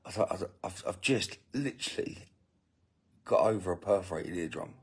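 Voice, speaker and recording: A man's voice: deep voice, normal speed, slightly rough. A man hosting a casual live stream, greeting viewers and answering comments in a rambling, self-interrupting way with indignant asides while he feeds his baby. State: feeding a baby while talking. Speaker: family channel host reading live comments.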